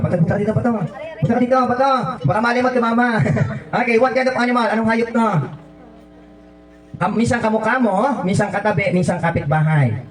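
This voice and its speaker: A man hosting a children's birthday party as a clown, running guessing games in a playful, teasing way. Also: sits high. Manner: playful and teasing, mixing English and Filipino. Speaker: party host dressed as a clown. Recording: echoey room, mic far off.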